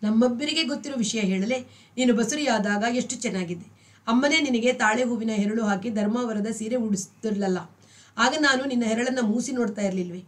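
A woman reading a novel aloud, voicing an aloof man who answers in a flat, matter-of-fact way. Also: on the high side, fairly quick, recorded from a distance, natural voice.

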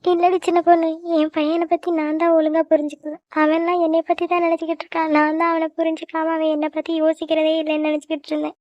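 A woman voicing a tender, emotional middle-aged mother in a cartoon, talking quickly and fondly. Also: high voice, steady tone, no echo, close to an everyday voice. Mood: tearful. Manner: affectionate, quick, tearful at times. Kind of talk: cartoon voice acting. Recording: dry, dull lo-fi recording.

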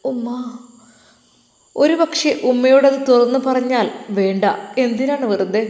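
A woman's voice: high-pitched, measured pace, a little mellow. Woman doing a tearful young daughter in an echoey room. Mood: sad. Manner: pleading, choked with tears. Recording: echoey room with long reverb.

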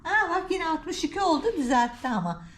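Woman cat vlogger, middle-aged, high swooping voice, playful scolding baby talk, echoey room. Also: expressive, fairly quick. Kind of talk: talking to her cats. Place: home by a balcony.

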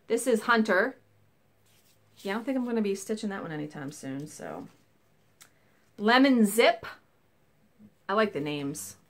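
Her fairly high, fairly bright voice carries a casual cross-stitch haul show-and-tell, filmed on a webcam in a small craft room at home. The woman, in her thirties, is chatty and excited and keeps slipping into rambling asides.

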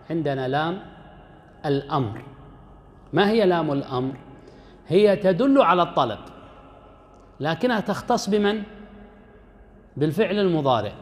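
Man lecturing on grammar. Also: fairly high pitch. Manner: explains step by step, asks the class questions and answers them himself; recites quoted verses slowly and deliberately. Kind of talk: classroom lecture.

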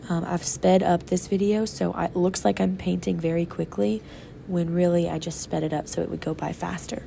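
Her voice is fairly low, creaky and mellow, with a little hiss or hum on the audio. She's an art teacher, ill and congested with a sore throat, patiently guiding little kids through a painting demo while working at a classroom table. We hear her off-camera over an overhead tabletop camera.

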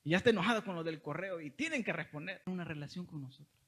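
In his sermon, a young preacher with a Salvadoran Spanish accent animatedly recounts a testimony and frequently calls the audience brother. He is from El Salvador and talks fast, with a fairly high, slightly rough voice.

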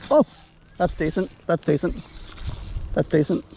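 A young Australian man chatting excitedly while fishing on a lake bank, swearing and cheering his catch on, recorded on a chest-mounted action camera. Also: fairly high pitch, unhurried, a little hiss or hum. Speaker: fishing vlogger. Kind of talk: casual chat while fishing.

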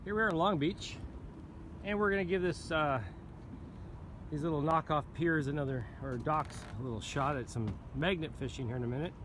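Excitable man filming on a pier. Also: fairly high pitch, a little fast, noisy background. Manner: excitable, exclaiming at finds. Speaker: vlog host filming. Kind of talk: casual outdoor vlog commentary. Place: outdoors on a waterfront pier.

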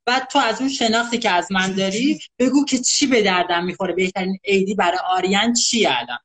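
A man's voice: sits high, fairly bright tone. A male host of a live chat, teasing his guest in a mock-polite way.

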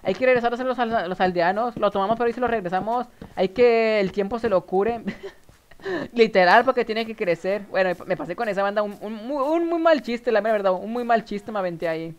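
Streaming a game, a young man with a northern Mexican accent chats loosely with his audience, rambling and giggling nervously. His high-pitched voice is brisk and clean, though the audio sounds dull.

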